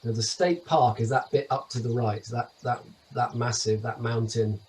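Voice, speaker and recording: A man's voice: medium pitch, fairly even intonation, moderate pace, a little mellow, distant mic, a little hiss or hum, poor audio. A middle-aged man from the UK giving a chatty, enthusiastic webinar presentation over slides, with asides and restarts. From United Kingdom. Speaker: travel company presenter.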